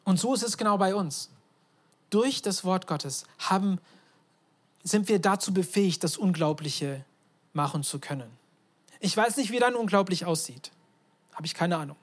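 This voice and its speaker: A woman preaching a conversational sermon. She tells the story in a lively way and asks her listeners questions. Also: lowish voice. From abroad, moved to Germany.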